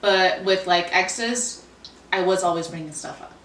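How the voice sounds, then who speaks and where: A woman's voice: on the low side, a little slow, fairly bright tone. A woman in casual conversation, informal and a bit hesitant, correcting herself as she goes. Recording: echoey, far from mic, faint noise.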